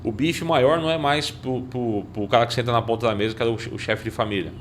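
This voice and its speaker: A man's voice: medium pitch, fast talker, a little hiss or hum. A man in a casual podcast conversation, giving earnest, reflective commentary.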